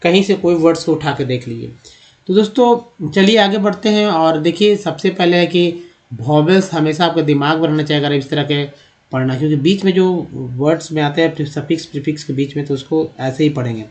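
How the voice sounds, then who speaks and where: A man teaching English pronunciation, asking and answering his own questions in a steady drilling rhythm. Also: fairly high pitch, brisk. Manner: addresses viewers as friends. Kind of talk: explaining with written examples on screen.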